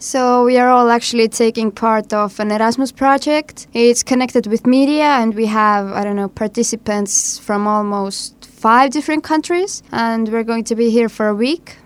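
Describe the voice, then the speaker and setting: Higher-pitched young Estonian-accented woman. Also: moderate pace, hardly any pauses, clean tone. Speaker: guest, youth project participant. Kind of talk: casual radio interview chat.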